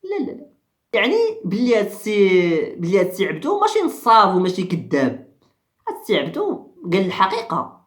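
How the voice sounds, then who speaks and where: A man's voice: high voice, huge pitch swings, fast, roomy sound. A man with a Moroccan accent giving a fiery commentary rant, repeating himself and firing rhetorical questions at his viewers. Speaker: social commentary vlogger.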